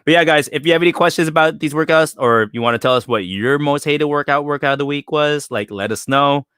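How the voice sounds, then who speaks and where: A man's voice: fairly high pitch, quick pace, a bit bright, clear, resonant tone, dry recording, clean studio sound. A young man co-hosting a casual podcast, joking and rambling with fillers and restarts. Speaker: podcast co-host. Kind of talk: casual chat.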